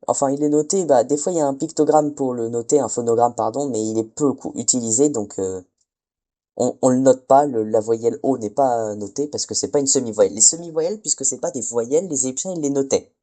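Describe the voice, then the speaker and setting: A man's voice: medium pitch, brisk, dark tone. A man giving a casual spoken lesson, hesitant, often stumbling and correcting himself. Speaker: teacher.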